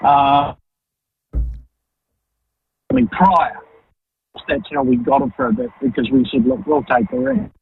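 A male caller with a New Zealand accent, phoning in from his car over a tinny line that keeps dropping out and breaking apart. His voice sits high and a little husky. He talks bluntly and plainly, with a lot of ums along the way. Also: very animated, slow, pauses often. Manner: blunt and colloquial, hesitant with many ums. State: driving while on the call. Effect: phone line breaking up and cutting out. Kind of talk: casual talkback call. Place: in a moving car. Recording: tinny phone line that drops out.

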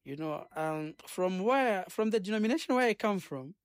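A Zambian man with a fairly high voice speaks as a guest in a radio studio. He is earnest and preachy, rambling with plenty of "uh" and "um". The room is dry and close. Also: animated, normal speed, dry recording. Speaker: gospel singer and minister guest. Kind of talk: radio interview.

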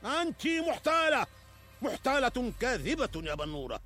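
A man's voice: mid-range voice, big pitch swings, normal speed, faint music behind. An actor playing an arrogant, pompous pharaoh-like king who thinks himself a god, declaiming in a historical drama. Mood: angry, demanding. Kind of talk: Arabic historical drama acting.

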